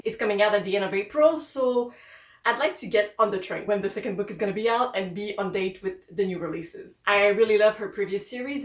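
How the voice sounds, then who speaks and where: A young woman from Quebec, speaking with a Québécois French-Canadian accent, chats casually and upbeat about the books she plans to read, as a book vlogger. Her voice is mid-range with a fairly bright tone, and the room sounds echoey.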